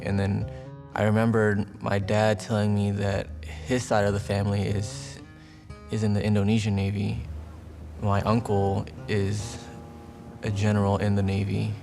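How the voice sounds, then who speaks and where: A man in his twenties from Texas, a Navy veteran, speaking earnestly in a documentary interview with small restarts. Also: lowish voice. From Texas, United States.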